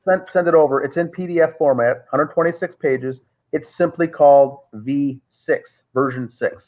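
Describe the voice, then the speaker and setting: A man with a somewhat high voice speaks at a normal pace as a call-in interview guest. His long story wanders, peppered with "uh" fillers and frequent restarts, and it all comes through tinny, phone-like call audio.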